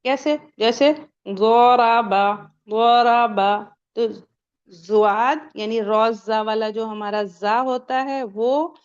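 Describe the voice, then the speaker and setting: Slow-paced woman teaching pronunciation. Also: fairly high pitch, muffled recording. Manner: explains slowly, asks and answers her own questions, drawn-out sample sounds. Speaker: Quran recitation teacher. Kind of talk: step-by-step lesson.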